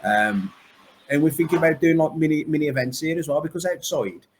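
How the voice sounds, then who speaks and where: A man's voice: on the high side, a little fast. A man, an arcade owner chatting enthusiastically and at length in a casual interview. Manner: enthusiastic, rambling, full of superlatives.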